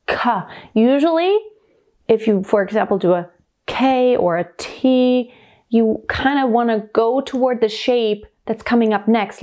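Teaching singing to camera from a home room with a piano, a woman in her thirties talks animatedly with a light German accent. Her voice sits on the high side with a darkish tone, and she demonstrates each sound while explaining it.

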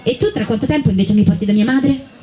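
A woman's voice: on the high side, quick pace, warm tone, natural voice. Woman doing a curious six-year-old boy. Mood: earnest. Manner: asks endless questions.

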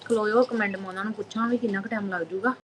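A woman's voice: mid-range voice, fairly even intonation, rapid-fire, a little hiss or hum, poor audio. A woman hosting a casual live stream on a phone, chatting to viewers, greeting them by name and repeating phrases.

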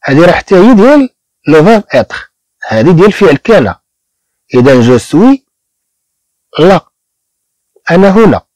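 A man from Morocco who teaches beginners French. He repeats each word slowly and explains it in Moroccan-accented Arabic. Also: high voice, very animated, a little mellow, no echo, rough recording. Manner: slow repetition of words, explaining in Arabic.

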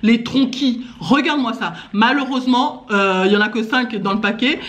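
In an echoey living room with clear noise and clicks on the recording, a family vlogger chats casually about her haul using slangy phrasing. Her voice is on the high side, a bit bright, at normal speed.

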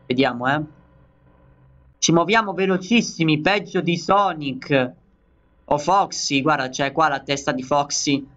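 A man from Italy talks through a game in excitable let's play commentary, often calling out to his viewers. His voice sits high and sounds bright, while his delivery stays unhurried. The recording is dull and lo-fi. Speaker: gaming channel host.

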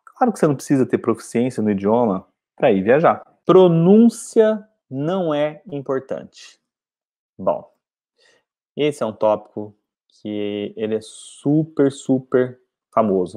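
Male teacher from Brazil, warm low-key voice, chatty lesson delivery that keeps asking if you follow. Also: lively intonation, measured pace. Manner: conversational, often asks "entendeu?". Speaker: English teacher. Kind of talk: casual spoken lesson.

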